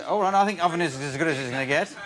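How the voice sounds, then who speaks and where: Higher-pitched male comedy show host. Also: rapid-fire. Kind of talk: unscripted comedy game show presenting. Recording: live studio with crowd and noise.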